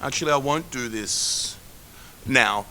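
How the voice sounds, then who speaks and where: A man's voice: medium pitch, measured pace, creaky, bright, forceful tone, slight background noise. A man teaching a live coding workshop in a casual, joking way with rambling asides. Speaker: workshop instructor.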